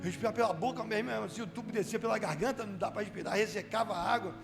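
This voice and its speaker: A man tells his testimony to a church, his voice pitched very high and gravelly. He tells it in an animated way and acts out what each person said, sometimes rising to a shout. The voice rings with long church-hall reverb while music plays behind him. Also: quick pace. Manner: animated storyteller who acts out his own quotes, rising to shouts at the peaks. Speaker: church deacon giving a testimony.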